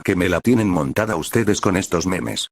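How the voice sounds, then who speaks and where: A man's voice: sits low, moderate pace, no room sound. A man reading the lines of a bitter young male villain, grumbling and exasperated. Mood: fed up.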